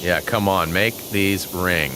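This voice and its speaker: Over noisy background sound, a deep-voiced man in his forties hosts a gameplay channel. He chats casually and rambles, leaning on fillers and chuckling often.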